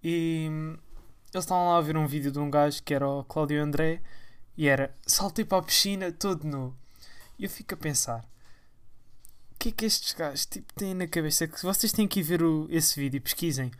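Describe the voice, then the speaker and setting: A man's voice: on the high side, a little fast, clean tone. Young portuguese guy vlogging, slangy and rambly, kinda mocking. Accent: European Portuguese. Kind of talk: casual vlog monologue.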